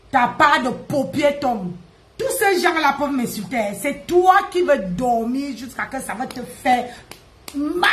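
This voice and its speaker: Taunting high-voiced woman in her fifties. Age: 50s. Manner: taunting, mocking, loud and laughing. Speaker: live streamer. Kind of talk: Facebook live rant. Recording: echoey room.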